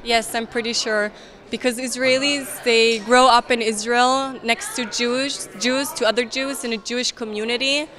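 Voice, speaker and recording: A woman in her twenties from Austria, speaking English with an Austrian accent, answering interview questions in an earnest, measured way with hesitant restarts. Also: fairly high pitch, steady tone, a bit bright. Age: 20s. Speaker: interviewee, soldier. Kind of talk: event interview. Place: indoor event hall, crowded.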